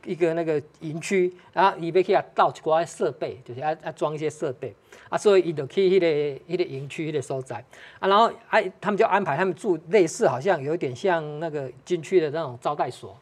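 A studio guest with a Taiwanese accent telling a ghost story on a talk show, talking quickly with many restarts and Hokkien phrases mixed in. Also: mid-range voice, a little mellow, breathy edge. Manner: fast, hesitant, mixes in Hokkien phrases.

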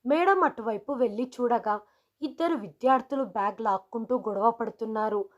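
High-voiced woman narrating a story. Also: a little fast. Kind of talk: scripted first-person story narration.

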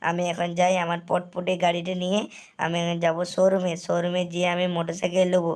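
Woman, game story narrator, very flat delivery, repetitive rambling, talks to viewers. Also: lowish voice, quick pace. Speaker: gaming channel narrator.

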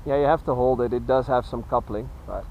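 A man casually commentating as he flies a model jet outdoors, relaxed and chuckling. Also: medium pitch, narrow, tinny audio, a little hiss or hum. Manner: relaxed, chuckling, talks slowly while flying. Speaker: RC jet pilot reviewer. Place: outdoor flying field.

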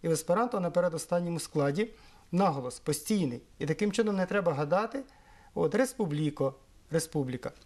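A middle-aged man from Ukraine explaining things in an interview, measured and pausing often on fillers. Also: high-pitched, expressive, a little mellow. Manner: measured, with frequent hesitations and fillers. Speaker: interviewee, Esperanto historian.

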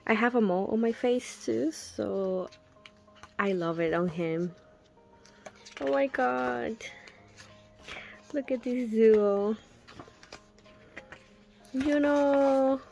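Young woman, fan unboxing; unhurried, gushing, breathy gasps; soft music bed. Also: on the high side. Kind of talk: casual unboxing commentary.

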